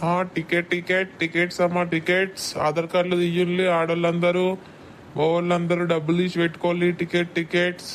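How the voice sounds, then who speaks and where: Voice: medium pitch, fairly quick, lightly acted. A performer voicing a bossy male bus conductor with a Telangana accent in a cartoon comedy. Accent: Telangana Telugu. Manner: bossy, calling out, flat delivery. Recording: faint background noise.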